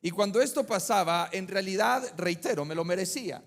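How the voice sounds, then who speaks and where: A man with a notably high voice delivers a sermon. He talks in a relaxed, chatty way, mixing light personal anecdotes with rhetorical questions to the congregation. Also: brisk, gravelly. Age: adult, married with children. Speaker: preacher.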